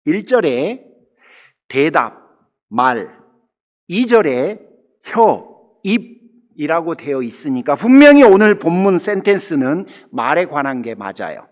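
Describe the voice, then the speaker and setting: Lively, joking Korean pastor preaching. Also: male voice, on the high side, slow, pauses often. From Jeolla region, Korea. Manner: humorous, conversational preaching that keeps addressing the congregation. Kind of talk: sermon. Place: church sanctuary.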